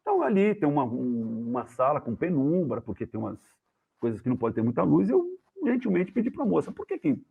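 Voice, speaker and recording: A man with a Brazilian accent, a guest journalist, telling anecdotes in a casual, animated way and acting out the voices of the people in them. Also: on the high side, fairly quick, gravelly, husky. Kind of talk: casual storytelling. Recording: tinny phone-like video call audio.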